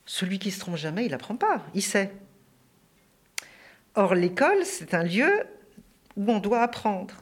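A woman's voice: medium pitch, lively intonation, unhurried, pauses often, husky. A woman educator explaining her views in an interview, thoughtful, with hesitations.

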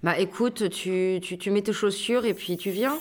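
A woman's voice: medium pitch, normal speed. A woman school staff member on a phone call, friendly and coaxing.

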